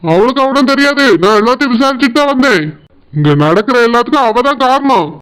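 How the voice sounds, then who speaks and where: An angry village father from a cartoon, voiced by a performer with a Tirunelveli Tamil accent. He speaks in a very high, smooth voice and talks fast as he accuses and complains. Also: animated, fairly bright tone, poor audio. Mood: accusing. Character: angry village father, the woman's brother-in-law. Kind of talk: cartoon voice acting.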